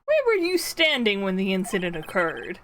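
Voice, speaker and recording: A woman's voice: medium pitch, wildly swooping pitch, normal speed, fairly bright tone, a little hiss or hum, voice pushed down. A woman voicing a doting, blustering, pompous courtroom judge with theatrical delivery in a comedic game read-along. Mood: stern, pompous.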